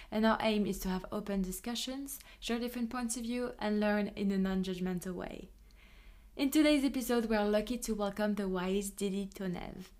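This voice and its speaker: A woman's voice: mid-range voice, a little mellow. A woman hosting a podcast who introduces the show and greets her guest in an upbeat, enthusiastic way. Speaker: podcast host.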